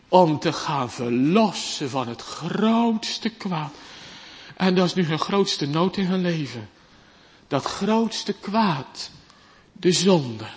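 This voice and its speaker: A man delivers a sermon as pastor, slow and deliberate, his voice sitting fairly high and swinging widely in pitch. He pleads and repeats phrases with dramatic rises and falls. The sound carries a long church reverb.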